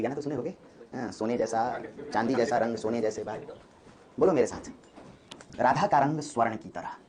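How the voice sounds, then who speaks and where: कक्षा में हिंदी साहित्य पढ़ाता एक पुरुष शिक्षक, जो बार-बार छात्रों से सवाल पूछता है।. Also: male voice, medium pitch, slight background noise. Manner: lively, quizzes students with quick questions. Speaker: Hindi literature teacher. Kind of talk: classroom lecture. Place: classroom.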